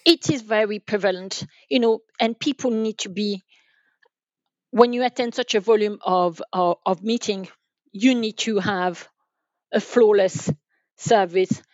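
This woman, an enterprise sales manager, is interviewed on a podcast about business and answers in a halting, conversational way, going back over words as she thinks. Her medium-pitched voice is a little mellow. The audio has no echo and sounds dry and somewhat dull, like a band-limited online call.

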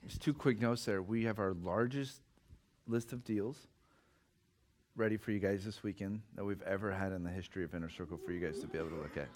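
A man's voice: low-pitched, fairly quick, a little mellow, slight background noise. A man hosting an investor group meeting, upbeat and encouraging as members introduce themselves.

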